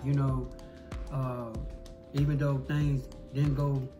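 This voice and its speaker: A man's voice: medium pitch, little pitch movement, slow, over music. A middle-aged man chatting casually and giving heartfelt advice in an emphatic, repetitive, preachy way into a desk microphone. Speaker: mukbang host. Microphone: desk microphone close in front.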